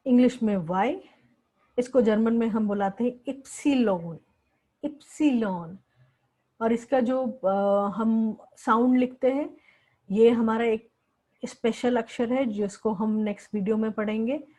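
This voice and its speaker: A woman's voice: a little high, unhurried, mellow, poor audio. A woman teaching a language lesson, patiently repeating each word several times. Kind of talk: slow spoken lesson with repeated words.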